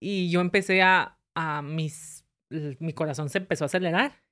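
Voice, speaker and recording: Low-voiced woman recounting a story. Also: moderate pace, a bit bright. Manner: earnest, tells events step by step and acts out the dialogue. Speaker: podcast guest. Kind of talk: personal story in conversation.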